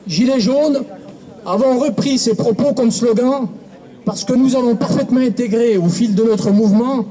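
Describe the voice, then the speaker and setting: A man's voice: very high voice, dark tone. A man speaking at an outdoor protest rally, orating formally and quoting writers. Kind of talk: speech at a street rally.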